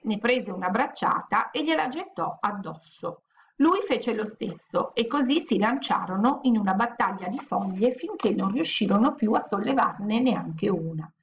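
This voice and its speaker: A woman reading a children's storybook aloud in a gentle, steady storytelling manner. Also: medium pitch, gravelly. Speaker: audiobook reader.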